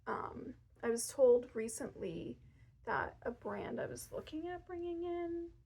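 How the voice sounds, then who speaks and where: Standing by the fabric shelves of a fabric shop, a woman in her thirties gives a casual showcase of gift ideas, full of chatty, self-deprecating asides. She talks a little slowly in a high, husky, slightly mellow voice that's animated and carries vocal fry.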